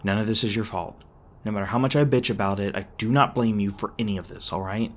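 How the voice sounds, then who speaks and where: In an intimate ASMR roleplay drama, a man with a fairly low voice plays a gruff, defensive monster hunter who talks fast and casually, swearing and hesitating awkwardly as his secretly caring side slips out. He starts stressed and apologetic, then turns gentle and reassuring.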